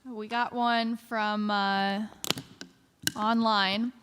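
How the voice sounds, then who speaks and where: A woman's voice: medium pitch, flat delivery, drawn-out words, fairly bright tone, clear, resonant tone. A woman moderating a live Q&A, reading out audience questions in an upbeat, offhand way. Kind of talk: casual live Q&A. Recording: live talk in a reverberant hall.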